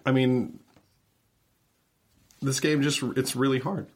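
A man's voice: medium pitch, little pitch movement, slow pace, husky. A man hosting a casual board game chat, rambling and laughing easily. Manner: chatty, laughs often, rambling restarts. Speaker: board game show host.

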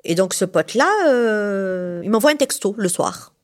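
A woman from southern France telling a personal story in a casual, lively way. She uses lots of fillers and acts out the people in her story. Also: medium pitch, normal speed. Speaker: storyteller recounting a past relationship.

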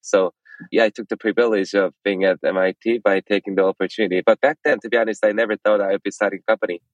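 A man's voice: fairly low pitch, fairly even intonation, fast talker, no room sound, highs cut off. A man from South Korea, a startup founder answering interview questions earnestly. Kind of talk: podcast interview.

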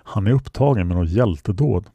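A young servant woman passing on gossip in a whispered role-play, hushed and confiding, as voiced by a man narrating a storybook. Her voice is low and soft and sounds close and dry. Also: animated, breathy edge, no room sound.

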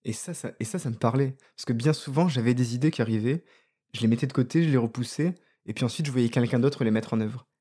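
Mellow-voiced man musing aloud. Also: mid-range voice, quick pace, breathy edge. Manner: thoughtful, asks many rhetorical questions; conversational, addresses listeners directly. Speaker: podcast host. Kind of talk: reflective podcast monologue.

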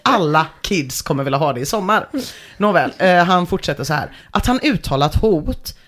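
Lively, sarcastic podcast host. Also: mid-range voice. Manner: dry, sarcastic commentary with frequent laughter. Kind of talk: casual comedic chat, reading forum posts aloud.

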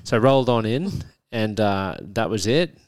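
A man's voice: fairly low pitch, lively intonation, a little slow, dry recording. A man in his thirties with a broad Australian accent, chatting casually and telling stories in a slangy, joking way as a podcast co-host. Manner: laid-back, slangy, joking. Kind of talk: casual chat, storytelling with his wife.

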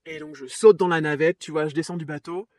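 A woman's voice: low voice, fairly quick, no echo. Dry, chatty woman telling a story. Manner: lively, chatty, laughs often, trails off with fillers. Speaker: podcast host. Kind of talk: casual storytelling.

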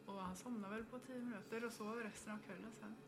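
A woman's voice: mid-range voice, vocal fry. A woman co-hosting a podcast, telling a ghost story in casual chat and acting out her own reactions. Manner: lively storytelling with acted-out reactions. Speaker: podcast co-host.

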